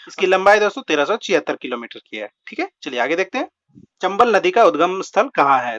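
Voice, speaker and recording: A man's voice: fairly high pitch, a bit bright. A man teaching a general-knowledge lesson for exam prep, explaining with rhyming tricks and often saying "friends" and "okay". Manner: repeats filler words like "dosto" and "theek hai"; explains with rhymes and mnemonic tricks. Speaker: GK quiz teacher. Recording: dull lo-fi recording.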